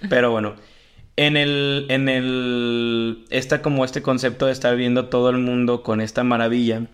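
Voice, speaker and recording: A man's voice: mid-range voice, flat delivery, moderate pace. A man hosting a casual podcast chat, teasing and rambling with restarts. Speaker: podcast host.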